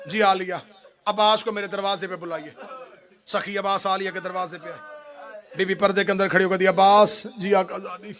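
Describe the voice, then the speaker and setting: A male preacher from Pakistan giving a mourning sermon, telling the story dramatically and swinging from hushed lines to shouted ones. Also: high-pitched. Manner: dramatic storytelling, voicing quoted speech.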